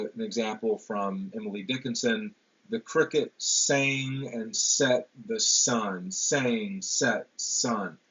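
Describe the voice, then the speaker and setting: A man giving a classroom literature lecture, pausing often with ums and repeated words. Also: on the low side, husky. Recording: dull lo-fi lecture recording.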